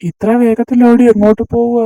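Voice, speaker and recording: A man's voice: very high voice, little pitch movement, a little fast, dark tone, rough recording. A young man voicing a teasing male college senior who banters and mock-scolds his friends in an amateur dubbed romance drama. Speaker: fan dub voice actor.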